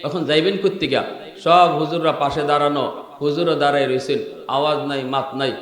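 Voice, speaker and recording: A man from Bangladesh with a Sylheti-tinged Bengali accent, preaching a storytelling sermon that climbs into loud chanted peaks. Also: a little high, steady tone, brisk. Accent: Sylheti-influenced Bengali. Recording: echoey hall with long reverb.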